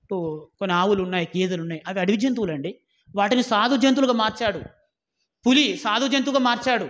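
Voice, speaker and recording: A man preaching a sermon, scolding and warning his listeners with many rhetorical questions, swinging between loud exhortation and low, quiet warnings. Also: quick pace.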